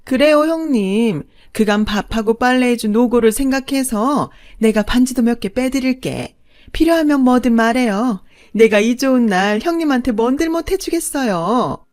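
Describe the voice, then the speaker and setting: A woman voicing a snobbish, scheming stepmother-in-law who talks in a shrill, condescending way. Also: animated, normal speed, a little mellow, no room sound, clean studio sound, close to an everyday voice. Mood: gloating.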